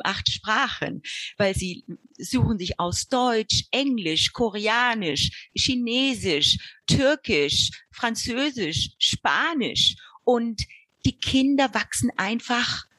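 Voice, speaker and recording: A woman's voice: on the high side, fairly bright tone, husky, no room sound. A middle-aged woman from Argentina, an early childhood educator, answering interview questions earnestly and explaining with examples.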